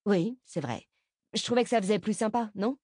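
A woman's voice: mid-range voice, expressive, moderate pace, warm tone, breathy edge, no room sound, studio quality, voice pushed up. A woman voicing an insecure young woman. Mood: confiding. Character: young woman, self-doubting, eager to be liked.

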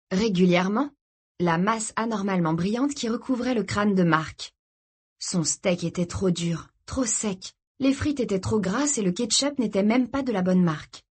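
A woman reading a novel aloud in an even, measured storytelling voice. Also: mid-range voice, breathy edge. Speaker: audiobook narrator. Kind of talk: scripted narration.

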